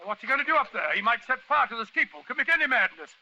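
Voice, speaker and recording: Watson, high-pitched, fussy British doctor. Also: male voice, sing-song, racing, background noise. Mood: alarmed. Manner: proper, blustery, fretful. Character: fussy, indignant English gentleman doctor, loyal detective's sidekick. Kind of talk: old-time radio mystery acting. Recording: muffled old radio broadcast, music underneath.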